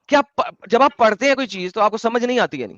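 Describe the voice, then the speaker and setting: A man with a high voice hosts a heated live online debate, pressing his point and cutting in with repeated phrases. The sound is dry and dull, like lo-fi stream audio. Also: lively intonation, a bit bright, no room sound. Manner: insistent, interrupting, repeats phrases. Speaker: livestream debate host.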